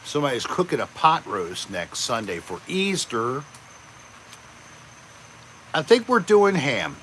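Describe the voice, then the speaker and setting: A man hosting a casual live chat, greeting viewers by name in a relaxed, chatty way. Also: mid-range voice, unhurried, a little hiss or hum, rough recording. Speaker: livestream host.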